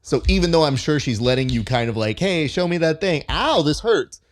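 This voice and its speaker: A man's voice: on the high side, lively intonation, normal speed. A man hosting an interview, asking questions in a chatty, joking way. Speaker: podcast host, interviewer. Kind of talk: conversational interview.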